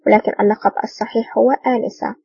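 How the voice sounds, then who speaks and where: A woman's voice: a little high, fairly even intonation, fast, gravelly, dark tone, breathy edge, no room sound. A woman reading the part of a playful, teasing young female lieutenant, in a dull, distant recording.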